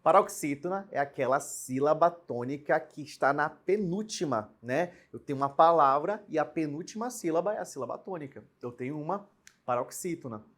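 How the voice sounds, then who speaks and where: A young man with a fairly high voice teaches a recorded grammar lesson. He explains with lively, varied emphasis and keeps asking the viewer questions, often tagging lines with a quick "né?". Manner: lively, explanatory, with frequent rhetorical questions and tag "né?".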